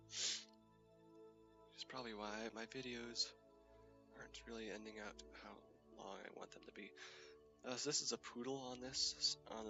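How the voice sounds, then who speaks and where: This gaming channel host, a young man with a cold, sounds sniffly and stuffy as he gives casual, rambling commentary on a space game, full of hesitant fillers. His voice is lowish and gravelly.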